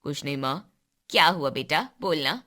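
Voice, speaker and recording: Caring cartoon mom, bright and fussy, voiced by a woman. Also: deep voice, normal speed, voice pushed down. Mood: concerned.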